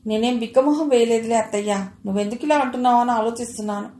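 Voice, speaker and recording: A troubled young wife, voiced by a woman narrator, confused and pleading. Her voice sits slightly high. A roomy echo surrounds it. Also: fast talker, mellow, close to an everyday voice. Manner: pleading, bewildered.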